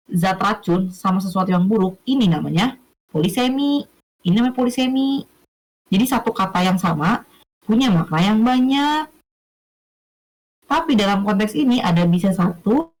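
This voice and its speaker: A young woman with a slightly high voice gives a casual online lesson, chatting as she goes, often asking questions to check that listeners follow, and correcting herself along the way. The recording quality is low.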